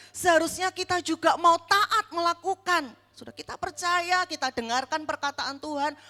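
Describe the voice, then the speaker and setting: Indonesian lady preaching a sermon, bright forceful voice, long echo in a church, hits words slow and hard. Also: sits high. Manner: asks the congregation questions, with slow emphatic stresses. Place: church hall.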